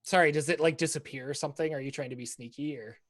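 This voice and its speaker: A man running a tabletop game as game master, talking in a loose, relaxed way with plenty of fillers. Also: a little high, quick pace.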